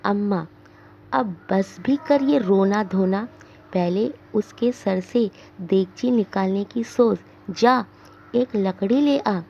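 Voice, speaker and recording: A woman's voice: mid-range voice, takes it slowly, creaky, dark tone, highs cut off, slight background noise. A woman teacher voicing a bossy, impatient old grandmother who nags in a raised voice. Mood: scolding. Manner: raised, nagging tone.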